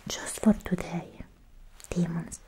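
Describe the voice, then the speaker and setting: Close to the mic, a young adult woman whispers an ASMR personal attention roleplay as a sweet, protective demon slayer who is lovestruck. Her lowish, breathy, soft voice stays fairly even as she murmurs affectionately, slowly and haltingly, sounding shy and tender. The audio is poor, with faint hiss, mouth clicks and a close-up sound.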